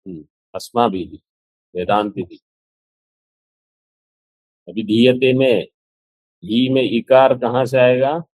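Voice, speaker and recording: A man teaching a scriptural commentary lesson, explaining slowly and posing questions to his students. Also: mid-range voice, a little mellow, no echo. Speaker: Vedanta teacher.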